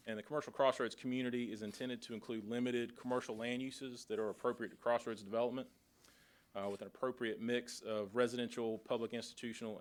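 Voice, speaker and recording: A man from county planning staff presenting a formal report at a public board meeting. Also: mid-range voice. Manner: steady, procedural, reads from a report.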